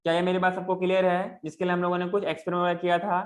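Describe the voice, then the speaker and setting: A male teacher giving a lecture in an online class, keeps checking whether students follow and slows down into halting English phrases. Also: sits high, monotone.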